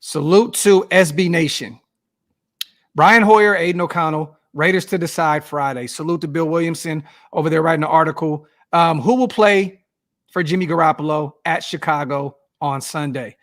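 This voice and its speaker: A man hosting a podcast, relaxed and slangy, reading viewer comments and news aloud. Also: a little high, normal speed. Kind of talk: casual podcast chat.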